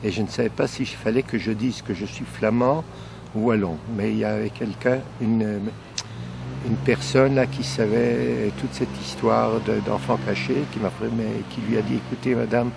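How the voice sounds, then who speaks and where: A man's voice: lowish voice, steady tone, moderate pace, gravelly, background noise. An older man from Belgium recalling his childhood as a hidden child, hesitant and searching for words. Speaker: interviewee, former hidden child. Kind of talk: recalled testimony.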